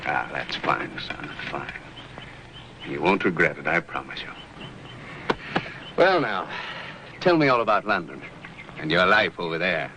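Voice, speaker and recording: A man's voice: deep voice, very animated, measured pace, long pauses, noisy background. An actor playing a stern, formal older banker lecturing his grown son.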